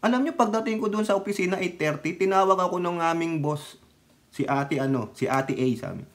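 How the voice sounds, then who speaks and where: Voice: medium pitch, brisk. A middle-aged commentator from the Philippines, talking politics in a fiery, casual way and firing off rhetorical questions.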